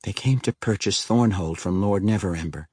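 Guy doing a sneaky halfling spy, low quiet voice, dry close sound. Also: moderate pace, husky, no room sound. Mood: explaining. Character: clever male halfling spy, wry.

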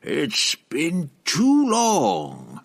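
A man voicing a withered ancient drow witch matron who taunts her captive in a slow, mocking, drawn-out way. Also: a little high, huge pitch swings, vocal fry, a bit bright, no room sound, voice pushed up, full character voice. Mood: teasing. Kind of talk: audiobook character voice.

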